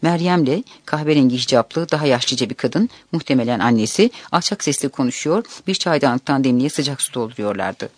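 Calm male audiobook narrator. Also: mid-range voice, a little fast, hardly any pauses, no room sound. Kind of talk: scripted narration of a novel.

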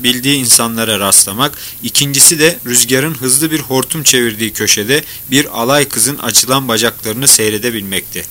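A man reading a novel aloud in a measured storytelling manner. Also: mid-range voice, pushed and bright. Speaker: audiobook narrator. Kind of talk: scripted novel narration.

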